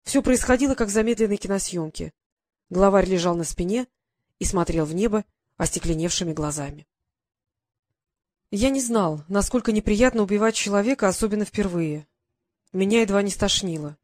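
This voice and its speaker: A woman's voice: medium pitch, brisk, a little mellow, no echo. Woman reading an adventure novel, dry sound. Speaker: audiobook reader. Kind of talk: first-person novel narration.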